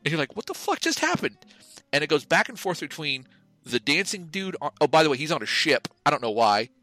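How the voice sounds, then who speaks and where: A man co-hosting a podcast in loose, profane chatter. He tells stories with lots of animation and worked-up outbursts, and his voice is bright and forceful. Faint music sits low behind him. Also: fast. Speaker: podcast co-host. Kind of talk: casual podcast banter.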